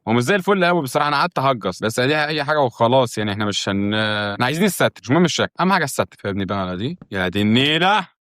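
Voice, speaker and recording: A man's voice: medium pitch, animated, racing, a bit bright, no room sound, studio quality. A young Egyptian man casually commenting on his own gameplay, joking and rambling to his viewers. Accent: Egyptian Arabic. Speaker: gaming YouTuber. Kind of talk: casual let's-play commentary.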